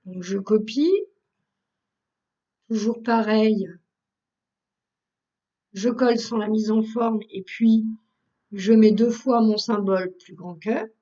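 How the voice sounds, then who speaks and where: A woman who trains people on Google Workspace, explaining a software task step by step with frequent fillers, recorded as a screen tutorial. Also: medium pitch, fairly even intonation, slow, pauses often, far from the mic, dull audio.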